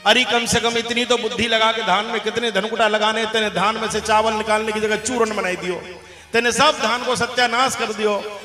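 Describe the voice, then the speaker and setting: A man's voice: high voice, flat delivery, moderate pace, pushed and bright. A male preacher voicing a stern, scolding old mother-in-law in a tinged storytelling voice. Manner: scolding, bossy. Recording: echoey hall with music.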